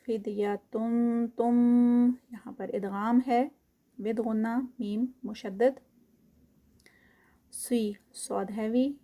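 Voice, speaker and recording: A woman teaching tajweed, reciting verses slowly and loudly, then explaining the rules quickly and quietly. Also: a little high, fairly even intonation, lo-fi sound.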